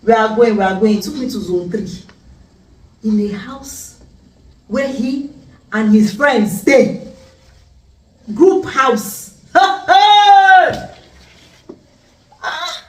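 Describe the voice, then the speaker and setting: Animated Nigerian woman telling a story. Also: on the high side, slow pace, long pauses, recorded from a distance. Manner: animated, dramatic, teasing, pidgin-laced. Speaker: vlogger. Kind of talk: casual storytelling chat. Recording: echoey room, off-mic, faint hum.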